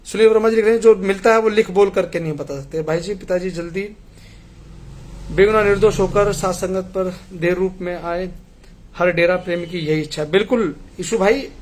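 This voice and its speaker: A man hosting a live stream, reading viewer messages and answering them in an earnest, argumentative way. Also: high-pitched.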